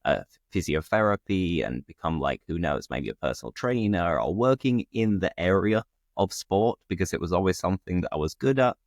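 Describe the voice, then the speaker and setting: A man's voice: sits low, expressive, a little fast, dry recording. A man. He hosts a casual interview in a conversational, joking way. The recording is very dry and close. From West Yorkshire, England. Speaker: host, interviewer.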